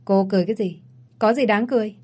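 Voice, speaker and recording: A woman's voice: mid-range voice, fast talker, mellow, slightly rough, natural voice. A woman reading a cold scornful young rich husband. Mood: irritated. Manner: curt and scornful.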